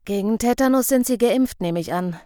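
A woman voicing a calm grown man who talks plainly and reasons steadily in an audiobook reading. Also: a little high, moderate pace, dry recording, studio quality, close to an everyday voice. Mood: calm persuasive. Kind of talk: audiobook character voice.

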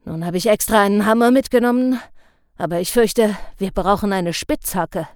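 A woman's voice: medium pitch, normal speed, darkish tone, no echo, natural voice. Lady reading a grumbly stubborn professor guy, bearded, lectures a lot, dry sound. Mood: lecturing. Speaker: field researcher.

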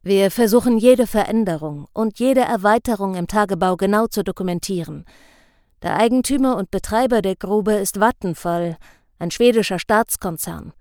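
A woman voicing a gruff, stubborn bearded male professor who grumbles and lectures. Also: mid-range voice, moderate pace, darkish tone, no echo, studio quality, lightly acted. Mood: lecturing. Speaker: field researcher.

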